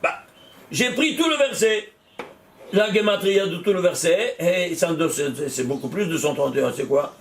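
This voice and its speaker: High-voiced man teaching with excitement. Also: normal speed. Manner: animated, counts numbers out loud and repeats phrases for emphasis; exclaims in wonder and asks students rhetorical questions. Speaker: Torah teacher. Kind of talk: Kabbalah study class.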